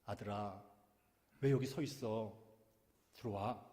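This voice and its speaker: A man voicing a gentle, dignified old father who speaks calmly and tenderly. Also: lowish voice, slow pace, in a large hall, pitched below the performer's own voice. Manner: calm, soft, tender.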